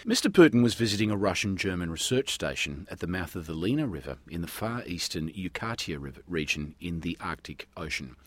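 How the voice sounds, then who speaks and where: A man's voice: sits low, no room sound. A man hosting a science radio show, reading a script in a wry, tongue-in-cheek way. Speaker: radio science show host and news reader.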